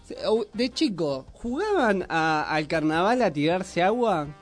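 A man's voice: high voice, big pitch swings, a little slow, soft background music. A man from Argentina, co-hosting a casual community radio chat, joking and chatty. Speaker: radio host.

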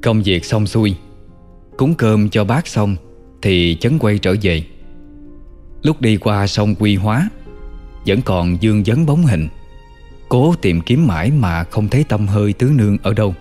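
A low-pitched man tells an old folk tale at a calm, measured pace. His voice carries a long reverb tail, and soft music plays behind it. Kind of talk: storytelling narration.

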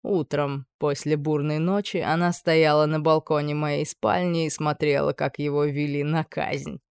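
Brief: woman reading as sinister male judge, slow, hushed, dry close sound. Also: level tone, creaky, clear, resonant tone, no room sound. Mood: menacing, purring. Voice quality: low, purring, insinuating. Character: menacing scheming middle-aged male high judge.

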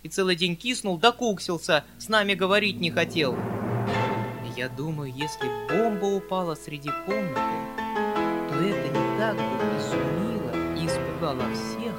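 A man reading classic literature aloud in a measured, grave narrating voice. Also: fairly high pitch, expressive, loud music behind the voice. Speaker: audiobook narrator.

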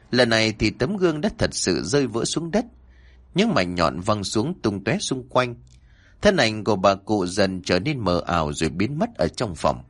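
Male horror narrator: low register, animated delivery, does the character voices himself. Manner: voices characters' dialogue with shifting pitch. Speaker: storyteller.

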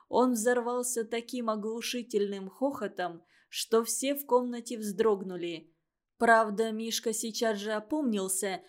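A woman reading a novel aloud as narrator, in an expressive, measured reading. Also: a little high. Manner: expressive reading, acting out the dialogue. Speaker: audiobook reader. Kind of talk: scripted literary narration.

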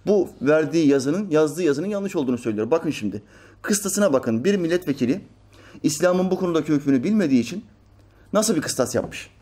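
A man's voice: a little high, expressive, brisk, dark tone. A man reading out a news article and rebutting it in an emphatic, preacherly commentary full of rhetorical questions. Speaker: religious commentator.

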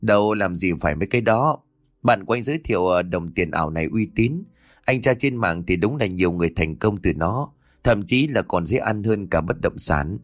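A man's voice: fairly low pitch, expressive, a little fast, no echo, clean studio sound, close to an everyday voice. A man doing a brusque, evasive young husband. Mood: persuasive. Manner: dismissive, evasive.

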